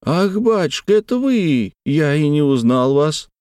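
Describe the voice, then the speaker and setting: A man's voice: mid-range voice, moderate pace, a little mellow, no echo, studio quality, voice pushed up, close to an everyday voice. A man reading in a raised voice as an eager, devoted old male servant who repeats his words fussily.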